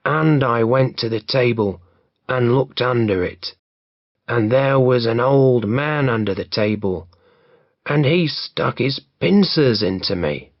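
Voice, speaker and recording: A frightened robber who fusses over what scared him, as a man reading a fairy tale puts him on. He talks slowly in a dry, close voice. The sound is dull and lo-fi. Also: medium pitch, animated, no echo. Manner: complaining, scared. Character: frightened young robber, breathless storyteller.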